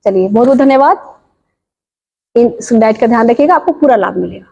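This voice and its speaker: A woman teaching yoga and diet in an informal talk, asking listeners lively rhetorical questions. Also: on the high side, a little fast, creaky, slight background noise. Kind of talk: informal health talk to viewers. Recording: dull lo-fi sound.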